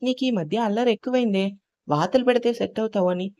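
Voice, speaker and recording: A woman voicing a caring middle-aged mother who gently advises her daughter in an audio story. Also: fairly high pitch, brisk, no echo, natural voice. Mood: teasing.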